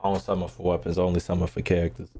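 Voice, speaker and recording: A low, warm, monotone voice rattles along rapid-fire as this man plays a game and chats with his stream. His talk is slangy and laced with swearing, with video game music and effects in the background.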